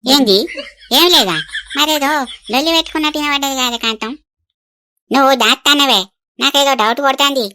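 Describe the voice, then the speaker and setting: A woman voicing a suspicious, scolding grandmother with a Telangana accent, loud and prying. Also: high voice, a little fast, pauses often, a little hiss or hum.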